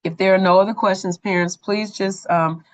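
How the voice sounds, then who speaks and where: A woman's voice: medium pitch, fairly even intonation, moderate pace. A woman on a school staff addressing parents in an online meeting. She speaks in a plain, organized way with frequent ums and restarts, through a computer mic on a video call.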